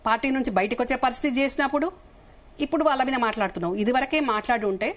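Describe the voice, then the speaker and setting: A woman's voice: a little high, rapid-fire. A middle-aged woman with a Telangana Telugu accent, a guest in a heated live TV debate, firing off emphatic, accusing rhetorical questions.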